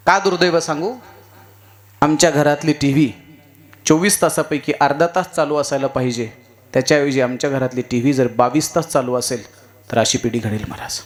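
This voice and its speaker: A man giving a devotional kirtan sermon. He tells stories, quizzes the crowd and coaxes them to answer. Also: a little high. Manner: lively, asks the crowd questions and coaxes answers; storytelling with acted dialogue and emphatic swings. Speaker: kirtan preacher.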